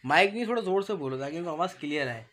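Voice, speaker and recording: A man's voice: on the high side, animated, very fast. Host-type man with a Karachi Urdu accent, jokey family-vlog chatter, phone audio. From Karachi, Pakistan. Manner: joking, teasing, addresses viewers directly. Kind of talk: casual family vlog chat. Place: home during a power cut. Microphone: phone, no external mic.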